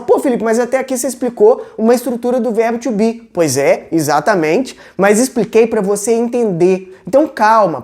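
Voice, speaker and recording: A woman with a Brazilian Portuguese accent gives a video lesson, explaining step by step in a patient, talky way. Her voice sits at an ordinary middle pitch. She keeps pausing to check that the viewer is following. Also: darkish tone. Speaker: English teacher.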